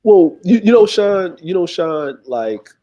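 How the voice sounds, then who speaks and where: A man's voice: sits high, big pitch swings, measured pace, mellow, muffled recording. A man hosting a livestream, chatting casually in a rambling, easygoing way with many fillers. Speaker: livestream host.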